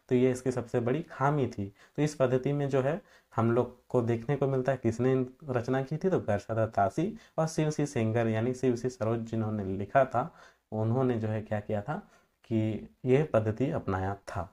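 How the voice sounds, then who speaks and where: A man's voice: medium pitch, darkish tone. A male teacher explaining exam material in an easygoing, talky manner. He fills his sentences with filler phrases and reaches for everyday examples to make points land. Now and then he trips over a technical term and corrects himself. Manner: loose conversational explaining with homely examples; filler-heavy, repeats "जो है" often. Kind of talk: exam-prep lecture.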